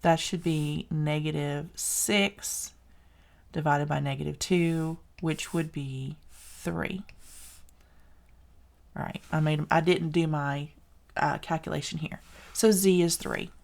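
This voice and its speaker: A math teacher with a Southern US accent gives a casual recorded algebra lesson, chatty and encouraging, correcting herself as she works. Her low voice is gravelly and darkish, with fairly even intonation and a slow pace.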